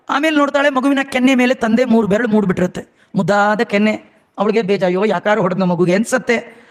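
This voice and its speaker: A man giving a devotional sermon as a storyteller, animated and asking his listeners rhetorical questions. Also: extremely high pitch. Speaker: religious discourse speaker.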